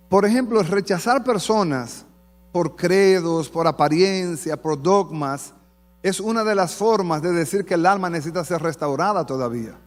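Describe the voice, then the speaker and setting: A man preaches with fervor from a church sanctuary, his voice sitting high for a man. He speaks straight to the congregation as a pastor. Long reverb trails off the walls of the hall. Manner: fervent preaching, calls the congregation "amado". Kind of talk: sermon.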